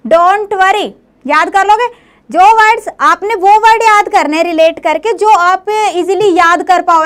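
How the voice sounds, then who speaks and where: A woman teacher giving a classroom lecture, often coaxing her students with questions as she goes. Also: very high-pitched. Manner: coaxing, often asks "clear, beta?".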